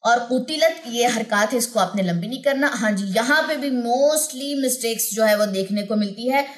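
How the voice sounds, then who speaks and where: A woman with a Pakistani Urdu accent teaching Quran recitation, explaining each sound step by step and then chanting the verses in a long drawn-out melody. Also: fairly high pitch. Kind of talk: tajweed lesson with recitation.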